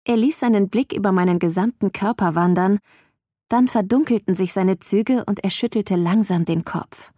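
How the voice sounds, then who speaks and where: A woman narrates a first-person novel with lively, expressive storytelling. Her voice sits at a middling pitch. The recording is dry and close, with no room sound around her. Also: moderate pace, no room sound. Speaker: audiobook narrator.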